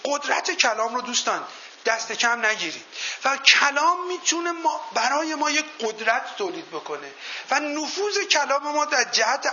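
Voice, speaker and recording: Very high-pitched, bright-voiced male motivational speaker. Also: a little hiss or hum. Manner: tells folk anecdotes and quizzes the audience. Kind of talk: motivational seminar talk. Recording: dull lo-fi recording.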